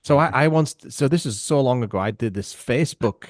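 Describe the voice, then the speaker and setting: A middle-aged man appears as a podcast guest, telling stories in a loose, conversational way with casual swearing and voices for the other people involved. His middling-pitched voice is a little fast and slightly mellow. The close-miked sound is dry, with no echo.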